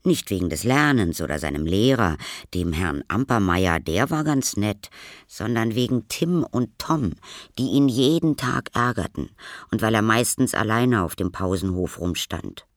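A man reading a children's story aloud, slow and lively, whispering for suspense. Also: lowish voice, no room sound, clean studio sound. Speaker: narrator.

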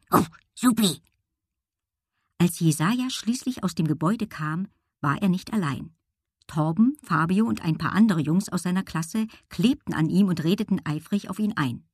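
A woman reading a children's audiobook aloud with lively storytelling. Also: on the low side, slightly rough, no echo, studio quality. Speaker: audiobook reader. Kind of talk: scripted narration.

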